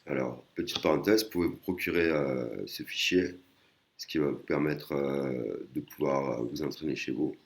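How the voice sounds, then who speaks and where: Super deep gravelly guy teaching, lots of ums and restarts, patient. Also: moderate pace. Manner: hesitant, many fillers and restarts; explains patiently, often adds 'hein'. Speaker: language teacher. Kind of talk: casual screen-recorded lesson.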